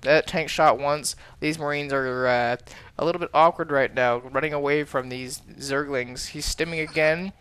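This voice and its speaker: A man commentating a strategy game match, calm in analysis and excitable when fights break out. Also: on the high side, normal speed, clear, resonant tone. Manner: excitable, shouts during fights. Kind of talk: esports casting.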